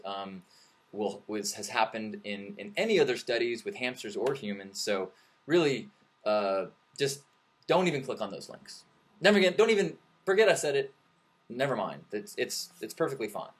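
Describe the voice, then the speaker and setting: Male stream host, lowish voice, easygoing rambling storyteller who jokes as he goes. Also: normal speed. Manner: rambling, joking, self-correcting. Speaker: livestream host. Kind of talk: casual livestream chat. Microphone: webcam.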